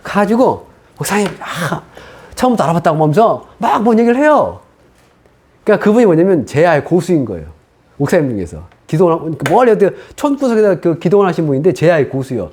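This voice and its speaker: A middle-aged man preaching a sermon as pastor, telling his own story in an animated way and acting out what he once said. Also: a little high, brisk, breathy edge. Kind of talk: sermon testimony.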